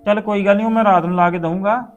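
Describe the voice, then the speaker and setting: A man playing a caring widowed father who talks to his daughter in a gentle, coaxing way in a web series drama. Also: high voice, steady tone, quick pace, dull audio, soft background music, close to an everyday voice.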